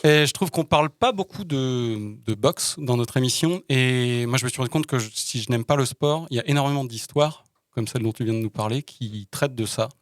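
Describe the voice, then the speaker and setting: A man's voice: mid-range voice, brisk, hardly any pauses, no room sound, clean studio sound. A man hosting a podcast, chatting thoughtfully and introducing a music break. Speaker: podcast host. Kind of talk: casual chat and show links.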